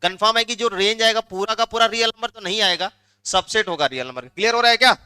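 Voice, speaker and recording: Bright, high-pitched math teacher. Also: male voice, fast talker, smooth. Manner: prods students for answers, repeats questions. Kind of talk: interactive classroom lecture.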